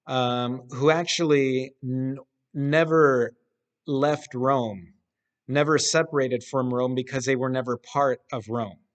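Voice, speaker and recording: A man in his forties preaches slowly and carefully, taking his time over each phrase. His voice sits in an ordinary middle pitch. He speaks close to the camera in an empty church sanctuary. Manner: slow, deliberate speaking with hand gestures. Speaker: pastor. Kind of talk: sermon. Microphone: camera close up at face level.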